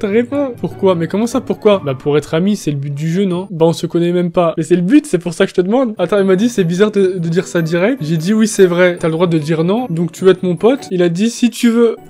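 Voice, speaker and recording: A young man in his twenties chatting over his gameplay in a quick, excitable rush. His voice sits high and he laughs often, breaking into sudden shouts. Faint music plays underneath. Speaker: gaming YouTuber. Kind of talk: casual gaming commentary.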